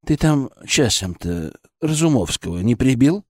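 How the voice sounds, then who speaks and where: A man voicing a gruff, blunt, middle-aged male surgery chief who teases and bosses his colleague. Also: medium pitch, big pitch swings, measured pace, a little mellow, no echo, studio quality. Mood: mocking. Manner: teasing, blunt, bossy.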